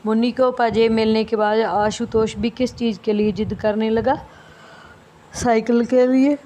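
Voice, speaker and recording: A woman teacher reading a story aloud slowly and carefully, with small restarts, then explaining it to her students. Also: on the high side, mellow. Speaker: school teacher. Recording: faint background noise.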